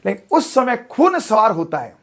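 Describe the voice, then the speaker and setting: A man teaching an exam-prep lecture, animated and talkative, often asking his listeners questions and mixing in English words. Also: high-pitched, moderate pace. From Rajasthan. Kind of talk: classroom lecture.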